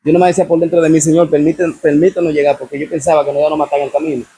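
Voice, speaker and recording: Dominican man, guest testimony, husky and fairly high-pitched, repeats "what happens?" to drive the story. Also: little pitch movement, very fast, dark tone. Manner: repetitive storyteller, keeps asking "what happens?".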